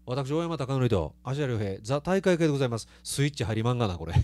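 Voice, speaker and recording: A man's voice: mid-range voice, lively intonation, fast, a little mellow, no room sound. A man with a Kansai accent, a singer chatting casually with his live stream audience between songs, laughing often. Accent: Kansai Japanese. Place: small live music venue.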